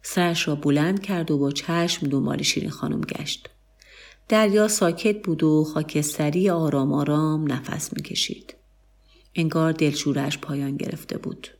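A woman with a low voice reads a literary story aloud. Her delivery is calm and measured, and the phrases move slowly. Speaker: narrator.

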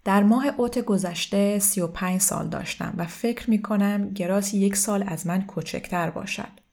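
A woman's voice: creaky, a little mellow, lightly acted. A woman reading aloud and voicing a distraught, confused woman in her thirties who talks in an anxious, pleading way. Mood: agitated. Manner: pleading, agitated, raised pitch.

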